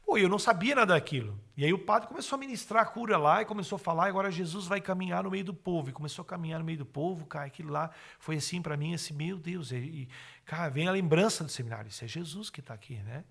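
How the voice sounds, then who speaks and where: Middle-aged man, podcast guest telling a testimony, a bit high-pitched and husky, acts out each voice in his story. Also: quick pace. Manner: animated, acts out his own and others' words.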